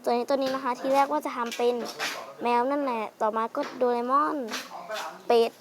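A woman's voice: high-pitched, steady tone, moderate pace, background noise. Playful young woman chatting over gameplay. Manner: rambling, playful, polite sentence endings. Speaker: game channel host. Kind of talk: casual chatty gameplay commentary. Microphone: headset mic close to the mouth.

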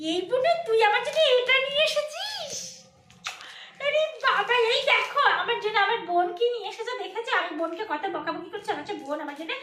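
High, fast-talking woman vlogger. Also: roomy sound, a little hiss or hum. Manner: animated, scolding and teasing by turns. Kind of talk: casual vlog chat addressed to viewers.

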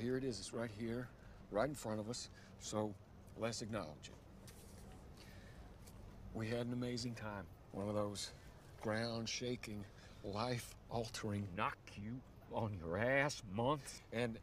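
A man's voice: medium pitch, fairly even intonation, a little slow, slight background noise, close to an everyday voice. An actor playing an intense, wounded young country man, making an emotional, insistent confession in a film drama. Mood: frustrated, pleading. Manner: emotional, insistent confession, repeating himself emphatically.

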